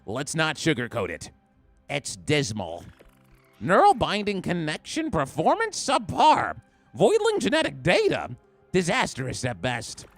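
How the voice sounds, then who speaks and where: A man's voice: fairly high pitch, wildly swooping pitch, unhurried, vocal fry, no echo, soft background music, full character voice. A man voicing a pompous, condescending male geneticist in a nerdy, haughty voice while streaming a game. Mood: smug. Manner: nasal nerd voice, haughty and sneering. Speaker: streamer reading a game character's lines.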